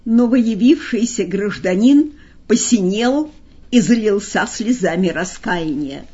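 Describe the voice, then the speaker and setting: A woman narrating an audiobook in a calm, measured storytelling manner. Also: mid-range voice, slightly rough. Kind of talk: audiobook reading. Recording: dull lo-fi recording.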